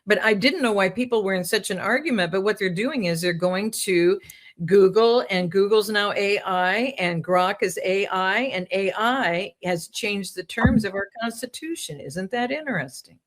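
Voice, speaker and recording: Woman guest, casual chat, meandering anecdotal delivery, mid-pitched. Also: moderate pace. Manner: rambling storyteller, jokes and asides. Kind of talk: casual talk-show conversation.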